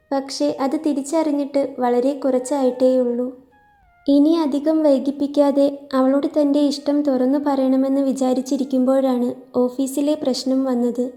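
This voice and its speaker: A woman tells a love story in a slow, tender reading voice. Her pitch sits high and her tone is deeply warm and mellow. Faint music plays softly behind her. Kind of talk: scripted romance narration.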